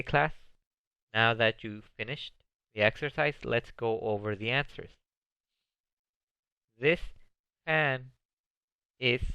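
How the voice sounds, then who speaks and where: A man teaching an ESL video lesson, reading English example sentences slowly and explaining them in Spanish. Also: lowish voice, pushed and bright, clean tone, no room sound. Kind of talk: recorded video lesson on comparative adjectives. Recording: dull, dry lo-fi sound.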